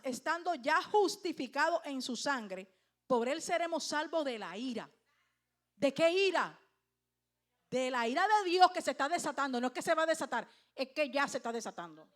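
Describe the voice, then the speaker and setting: A high-pitched woman pastor preaches with emphatic force. She keeps tossing questions out to the congregation and drives each point home. She sounds middle-aged. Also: fairly bright tone. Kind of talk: sermon.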